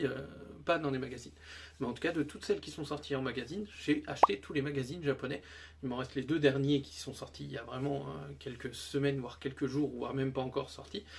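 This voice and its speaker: A man's voice: fairly high pitch, a little hiss or hum. A man chatting casually to his viewers as a collector, enthusiastic and rambling, with many fillers and restarts. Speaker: card collector YouTuber. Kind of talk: casual chat to camera.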